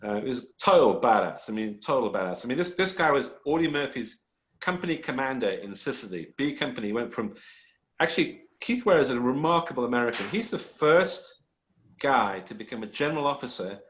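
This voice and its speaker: A man's voice: medium pitch, animated, fairly quick. Enthusiastic rambling male storyteller, roomy echo. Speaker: author guest. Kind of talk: casual panel talk.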